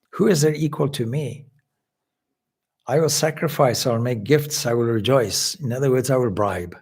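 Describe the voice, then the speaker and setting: A man from Zimbabwe delivers a spiritual lecture as a swami, explaining points in a measured way. His voice is gravelly with a husky edge. He sits at a middle pitch. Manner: measured, explanatory, with occasional restarts. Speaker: swami giving a spiritual talk.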